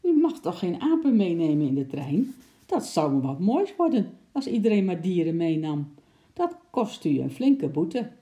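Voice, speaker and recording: A woman's voice: fairly low pitch, very animated, moderate pace, mellow. A woman voicing a strict, indignant male train conductor in a children's storybook reading.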